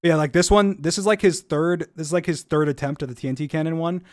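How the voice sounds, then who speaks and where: A young man casually commenting on his own gameplay video, rambling with lots of "like" and quick restarts. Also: a little high, no echo, studio quality, soft background music. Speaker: YouTuber reacting to own video.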